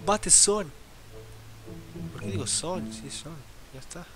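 Young man, casual gameplay commentary, excitable, swearing, fairly high voice, game music behind. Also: slow. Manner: excitable, swearing, sudden yells and laughs. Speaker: gameplay youtuber.

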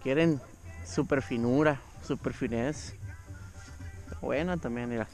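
Excited guy fishing off a boat, talks slangy and cusses a lot, action cam sound, wind and open air. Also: medium pitch, takes it slowly, soft background music. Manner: excited, slangy, swears freely. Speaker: angler filming his fishing trip. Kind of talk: casual fishing vlog banter. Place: outdoors on a bass boat on a lake. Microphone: first-person action camera.

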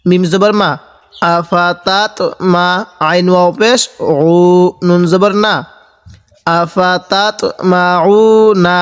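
Male recitation teacher, high and resonant, spells letters then chants words slowly; long reverb. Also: little pitch movement, fairly bright tone, clear, resonant tone. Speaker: Quran reading teacher. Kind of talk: slow spelled-out recitation lesson. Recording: long reverb, roomy sound.

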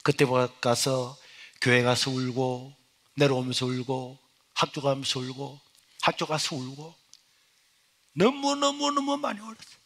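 A middle-aged male pastor, giving an emotional sermon testimony that swings from hushed to loud. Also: mid-range voice, lively intonation, unhurried, vocal fry, long pauses.

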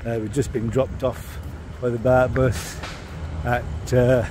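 A man casually narrating his travel vlog while walking at night, relaxed and rambling. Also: medium pitch, slow. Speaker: vlogger. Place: outdoors at night on city streets. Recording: noisy street recording. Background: street traffic noise.

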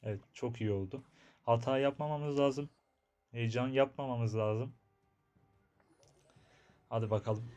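A young man giving chatty, excitable commentary on his own mobile game match, talking to his viewers and to himself. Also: medium pitch, measured pace, long pauses, highs cut off. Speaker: gaming YouTuber. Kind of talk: live gameplay commentary.

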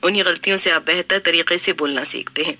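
A woman reading a scripted book summary in an even, instructive way. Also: lowish voice, fast, no room sound. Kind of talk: scripted narration.

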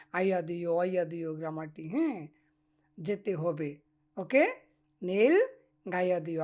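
A woman teaching a language lesson, speaking slowly, repeating each example phrase and often checking in with her listeners. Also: lowish voice.

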